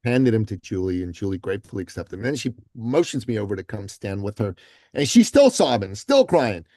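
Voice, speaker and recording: A man guest on a podcast, telling a story in a casual, animated way and acting out the quotes, with many ums and you-knows. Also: on the low side, brisk, dry recording, studio quality. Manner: frequent fillers like um and you know.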